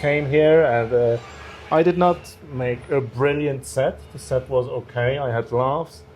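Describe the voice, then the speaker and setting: A man's voice: mid-range voice, steady tone, measured pace, a little mellow, a little hiss or hum. A man, a stand-up comedian guest, telling stories in a casual interview, hesitant with many restarts. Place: bar cellar.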